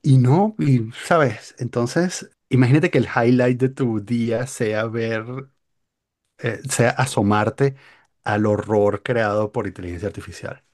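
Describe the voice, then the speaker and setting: A young man in casual chat, telling a story in an animated, exaggerated way. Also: mid-range voice, slow pace. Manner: animated, hyperbolic storytelling with mock voices.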